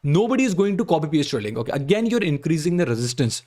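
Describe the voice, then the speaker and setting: A man's voice: a little high, very animated, fast talker, warm tone. A man with an Indian accent giving a blunt, instructive critique to camera, often checking in with short tag questions. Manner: blunt, instructive, repeats points with frequent "okay?" tags. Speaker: video creator reviewing job application emails.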